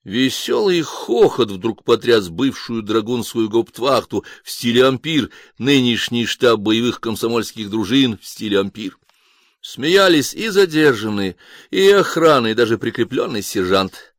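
A man narrating an audiobook in a lively, theatrical reading. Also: mid-range voice, measured pace, dry recording, clean studio sound.

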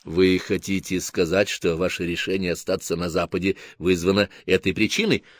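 A man voicing a calm, measured male radio interviewer with a cool, clinical and faintly disdainful manner. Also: sits low, no echo, voice pushed down, close to an everyday voice. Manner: calm, measured, soft, like a psychiatrist.

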